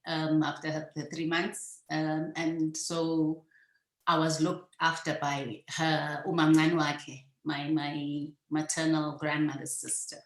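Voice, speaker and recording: A middle-aged woman from South Africa and Botswana with a low voice, telling her story as an interview guest. She speaks in a measured way and pauses often to gather her thoughts. Her video-call audio sounds roomy and echoey. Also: level tone. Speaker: guest, supply chain specialist. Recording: echoey room.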